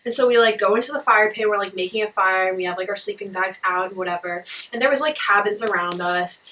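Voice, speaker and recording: A young woman casually telling a story in a puzzled, rambling way, as if piecing together a dream, with animated quoted asides. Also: medium pitch, fast talker, recorded from a distance, slight background noise, poor audio. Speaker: vlogger recounting a dream.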